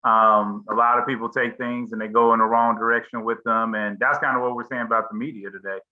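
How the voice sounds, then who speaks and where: A middle-aged man leads a casual group chat over a video call, circling his points with plenty of ums and restarts. His voice sits at an ordinary middle pitch. The call audio sounds a little dull and lo-fi. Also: little pitch movement, fast talker. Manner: rambling, many fillers and restarts.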